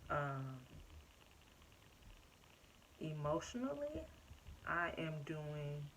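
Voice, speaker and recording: A woman in her thirties talks to her camera at home in an unhurried, low voice. Her update is chatty and loose, full of "um" and "like". A faint hum of room ambience sits under her. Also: big pitch swings, fairly bright tone, low-quality recording. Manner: chatty, frequent "um" and "like", addresses viewers as "y'all". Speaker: vlogger. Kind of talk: casual personal update to camera.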